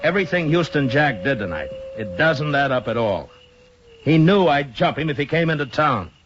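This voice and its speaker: An actor playing a tough, terse, wary Old West marshal in a 1950s radio western, clipped and commanding. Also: male voice, a little high, big pitch swings, normal speed, fairly bright tone, husky, exaggerated voice. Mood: pondering. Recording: muffled noisy 1950s radio recording.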